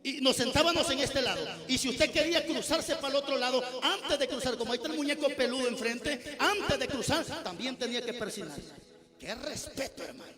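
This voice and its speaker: High-voiced Guatemalan pastor, fiery and scolding. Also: male voice, brisk. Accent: Guatemalan Spanish. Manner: fiery, scolding, rising to shouts. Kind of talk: sermon. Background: music playing.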